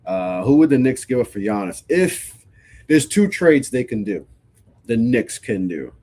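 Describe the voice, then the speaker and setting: He's a podcast host in his thirties with a medium-pitched, sing-song, slightly mellow voice that moves a little slowly. Stuffy from a cold, he hosts a casual live-stream sports talk show, speaking loosely and often starting sentences over.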